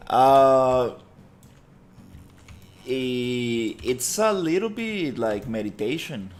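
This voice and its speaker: A man from Costa Rica chats casually on a live stream while doing 3D modeling, laid-back and rambling, full of fillers and muttering as he works. His voice is mid-range and extremely slow, with slight background noise.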